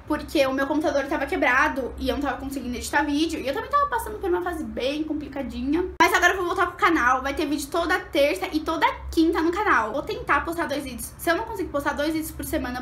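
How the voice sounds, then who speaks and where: Fast, bright-voiced young woman vlogger. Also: roomy sound, slight background noise. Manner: animated, acts out quotes with big pitch jumps. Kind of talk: storytime vlog.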